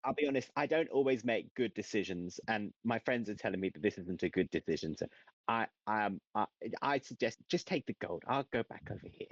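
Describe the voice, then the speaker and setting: A man's voice: on the low side, expressive, brisk, no room sound. A man playing a tabletop game, hesitant and stammering. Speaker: player. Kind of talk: tabletop role-play. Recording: dry, dull lo-fi mic.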